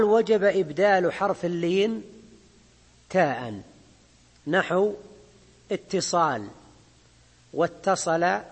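A man teaching Arabic grammar in a measured way, explaining a text line by line and often checking in with his students. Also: high voice, husky. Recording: long hall reverb.

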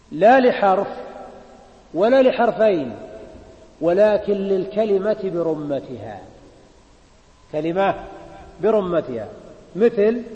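High-voiced teacher in an echoey hall. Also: male voice. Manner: slow, emphatic, repeats key words and checks understanding. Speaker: grammar teacher. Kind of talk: classroom lesson on Arabic grammar. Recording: echoey hall, dull lo-fi sound.

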